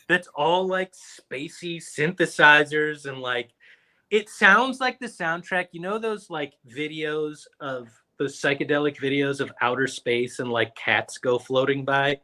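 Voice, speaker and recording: A man's voice: fairly high pitch, a little slow. A man co-hosting a podcast, telling stories in casual chat and mimicking the people he talks about. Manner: animated storytelling, quoting people in mock voices. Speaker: podcast co-host.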